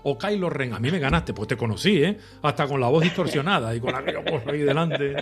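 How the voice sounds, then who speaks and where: A man's voice: a little high, expressive, fast, faint music behind. A man hosting an interview, talkative and full of hedges, laughing between remarks. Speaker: host, also an ad voice-over artist. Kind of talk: casual interview chat.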